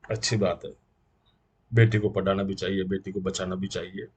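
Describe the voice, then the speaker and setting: A man's voice: sits low, little pitch movement, normal speed, darkish tone, husky. A middle-aged man with a Rajasthani Hindi accent, making an earnest moral appeal to the community as a guest speaker, preaching in rhythmic repeated lists. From India.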